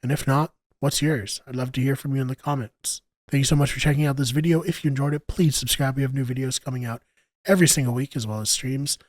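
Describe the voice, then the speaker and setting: A man reading a scripted video review in a measured, explanatory way, recorded as a close-miked voice-over. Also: medium pitch, steady tone, no echo, low-quality recording. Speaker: video game reviewer and channel host.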